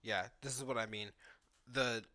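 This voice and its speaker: A man with a medium-pitched voice, bright and forceful yet steady, speaks at normal speed while reacting to a game's cutscenes and gameplay for his videos. He muses aloud in loose, informal language, frequently using "like."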